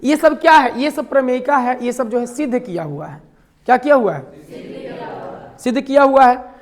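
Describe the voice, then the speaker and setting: High-pitched math teacher, keeps asking the class stuff and answering it himself, cracks jokes. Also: male voice, normal speed. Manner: asks the class questions and answers them himself, with jokes in between. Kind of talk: classroom lecture.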